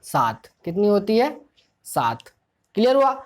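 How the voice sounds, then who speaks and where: A woman's voice: mid-range voice, sing-song, unhurried. A woman teaching a grammar lesson for exam students. She asks the class questions, answers them herself and repeats key points. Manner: explanatory, drilling tone.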